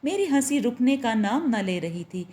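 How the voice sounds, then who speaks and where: A woman storyteller reads a spooky love story in a steady, expressive way. Her voice is mellow and warm, pitched fairly high, and moves freely up and down. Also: moderate pace. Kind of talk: reading a Urdu horror-romance story.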